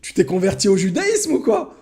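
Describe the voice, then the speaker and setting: Guy doing his annoyed little bro, pitched way up, mocking tone. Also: big pitch swings, normal speed, darkish tone. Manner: dismissive, mocking. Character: irritated teenage little brother, cocky.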